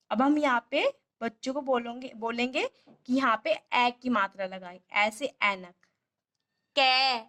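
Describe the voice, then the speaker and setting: A woman teacher explaining vowel signs, patiently repeating each sound slowly and drawing it out. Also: high-pitched, fairly bright tone. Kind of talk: explaining a lesson to parents.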